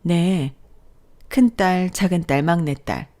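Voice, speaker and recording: A woman reading the part of a frail, gentle elderly mother-in-law who speaks tenderly and apologetically. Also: on the low side, slow pace. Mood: confused.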